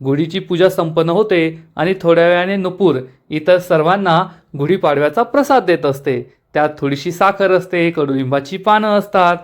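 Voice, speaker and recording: A man narrates a TV serial recap in a steady storytelling manner. His voice sits on the higher side for a man, and he reads out every character's lines himself. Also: normal speed, few pauses. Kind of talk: scripted narration.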